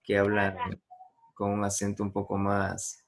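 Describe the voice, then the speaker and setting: A man's voice: on the low side, completely flat delivery, unhurried. A man with an Ecuadorian accent, a teacher giving an online class, explaining patiently with examples and checking that his students follow.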